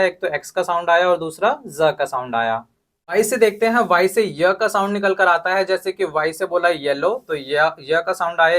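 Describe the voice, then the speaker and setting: A man's voice: fairly high pitch, a bit bright. A man teaching English letter sounds as a patient lesson, who asks questions and answers them himself.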